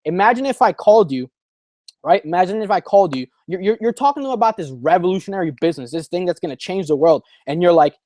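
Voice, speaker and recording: A young man hosting a call, coaching listeners in an energetic, slangy way and calling them "bro" a lot. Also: sits high, quick pace, dry recording. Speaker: call host and trainer.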